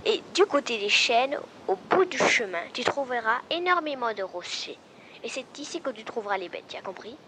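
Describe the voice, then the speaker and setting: A woman voicing a gentle doe who explains the way in a chatty, high voice. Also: sing-song, moderate pace, slight background noise, low-quality recording. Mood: helpful. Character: gentle doe giving directions.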